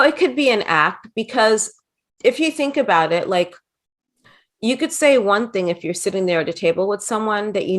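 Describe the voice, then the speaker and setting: A middle-aged woman guest in a casual interview, telling chatty anecdotes and slipping into quoted voices. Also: lowish voice. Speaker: interview guest, former wrestling manager.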